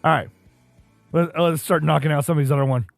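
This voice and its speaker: A man's voice: a little high, fairly even intonation, fast, gravelly, dry recording, soft background music. A man co-hosting a casual beer podcast, laughing often and slipping into silly character voices. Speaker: podcast co-host. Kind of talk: casual chat.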